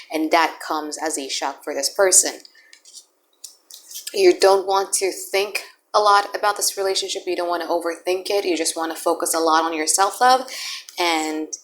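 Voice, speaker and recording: Flipping cards in a casual on-camera tarot reading, a woman who speaks Indonesian as her first language muses aloud in a chatty, blunt way. Her voice is low-pitched yet fairly bright, with a little hiss or hum.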